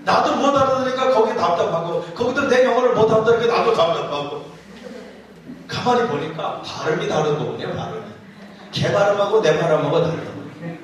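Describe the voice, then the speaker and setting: High-voiced pastor preaching in an echoey church. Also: male voice, fairly quick. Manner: storytelling with jokes and mimicked dialect phrases. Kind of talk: sermon. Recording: far-off voice in a very echoey church hall with faint noise.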